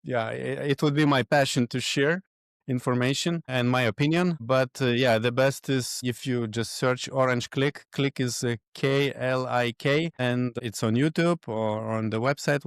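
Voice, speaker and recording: A man, a podcast guest who talks in halting phrases and searches for his words. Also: medium pitch, steady tone, smooth, dry recording, clean studio sound. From Lithuania. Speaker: guest, event organizer. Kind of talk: podcast interview.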